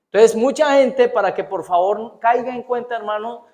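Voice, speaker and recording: Fast-talking pastor, high voice. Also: male voice. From Colombia. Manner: animated, asks the congregation frequent rhetorical questions; fast-talking, trips over his words. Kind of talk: sermon. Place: church. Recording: echoey church hall.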